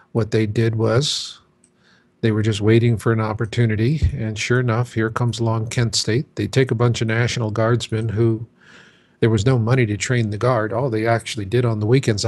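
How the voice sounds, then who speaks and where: A man's voice: lowish voice, flat delivery, moderate pace, darkish tone. A man in his sixties, a guest in an interview, talking in an emphatic, casual way. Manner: emphatic, acts out chanting crowds in quotes.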